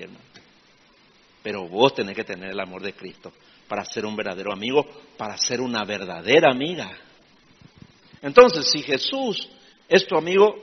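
Pastor guy preaching, husky, goes loud then quiet, dull lo-fi audio with long hall echo. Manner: swings from loud emphatic bursts to low confiding asides, asks "¿me entiendes?". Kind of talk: sermon.

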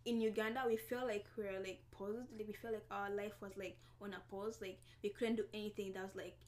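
A young woman from Congo speaks as a guest on a relaxed podcast. She talks freely and laughs easily. Her sentences are loose and packed with "like". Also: medium pitch, fairly quick. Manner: laughing often, heavy use of "like". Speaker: podcast guest, fashion designer. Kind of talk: casual interview chat.

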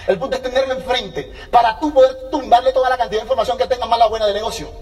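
Guy with a high voice doing a pumped-up seminar talk, acts out convos, mic a bit far off. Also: very fast. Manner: energetic, acts out dialogues with changing voices. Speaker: seminar speaker.

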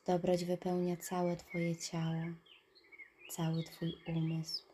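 A woman leads a guided meditation very slowly, in a soft and calm voice that slips into breathy whispers. Her pitch sits a little low and stays very flat. Faint birdsong and nature ambience play behind her. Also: slight background noise. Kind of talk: slow guided relaxation narration.

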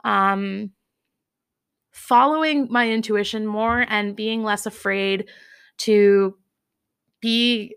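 A woman's voice: medium pitch, extremely slow, vocal fry, long pauses, clear, resonant tone. A young adult woman hosting a reflective solo podcast from home, speaking candidly with frequent laughs and fillers. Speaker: podcast host. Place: home, studio apartment.

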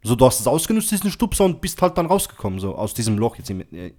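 A man talking in a relaxed, slangy way, padding every phrase with filler and calling his listener bro. His voice sits at an ordinary middle pitch. When he tells a story, he acts out the lines of everyone in it. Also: fast talker. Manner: tells stories acting out quoted dialogue. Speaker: podcast host. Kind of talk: casual chat.

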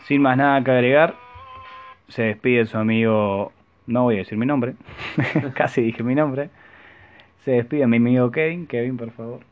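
A man's voice: mid-range voice, steady tone, moderate pace, pauses often. A man hosting a podcast in an easygoing, friendly manner. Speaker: podcast host. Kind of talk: casual podcast chat. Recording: dull lo-fi audio with faint music.

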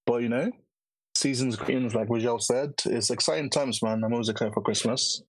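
A man's voice: medium pitch, fairly even intonation, fairly quick, dry recording, poor audio. London roadman-accented man, casual podcast host. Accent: London, urban roadman slang. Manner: slangy urban London roadman talk.

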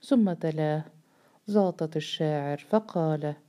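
A woman narrating a novel aloud in a measured, steady storytelling voice. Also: low-pitched.

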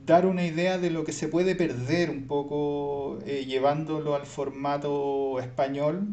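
Man, slightly high voice, hesitant casual film-review host, roomy sound. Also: fairly even intonation, unhurried, mellow. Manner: thoughtful, hesitant with many fillers. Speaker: podcast co-host.

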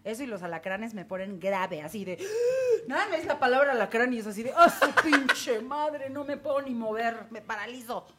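Co-host, Mexican woman, 30s, slightly high, animated storyteller. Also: fast, hardly any pauses, very noisy. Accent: Mexican Spanish. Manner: animated storyteller who acts out her own reactions. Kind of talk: casual chat.

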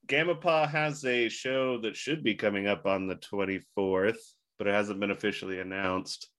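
A podcast host with a slightly low voice and a bright, forward tone talks in a loose, joking, rambling way. He is fighting a bad case of the hiccups as he chats. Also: fairly even intonation, normal speed. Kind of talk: casual chat.

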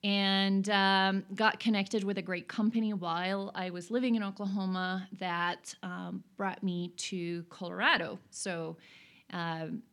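A woman's voice: mid-range voice, little pitch movement, measured pace, fairly bright tone. A woman in her forties from Norway, a guest telling her career story in an interview, thoughtful with frequent fillers. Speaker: guest, consultant. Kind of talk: conversational interview.

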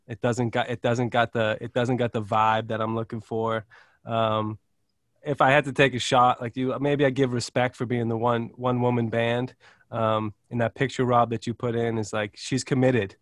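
A man's voice: mid-range voice, no room sound, studio quality. A man co-hosting a music podcast who rambles through his opinions in casual chat, often laughing and swearing. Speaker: podcast co-host music critic.

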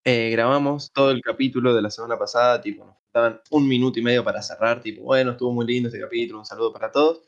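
A man's voice: medium pitch, steady tone, fast, hardly any pauses, dull audio. A man with a Rioplatense accent, co-hosting a podcast in joking, swearing banter. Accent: Rioplatense Spanish. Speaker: podcast co-host. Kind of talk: casual chat.

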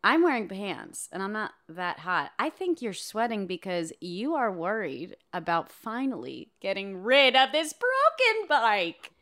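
A woman co-hosting a podcast, chatting casually and teasing her husband in an excitable, animated way. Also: medium pitch, measured pace, hardly any pauses. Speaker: podcast co-host.

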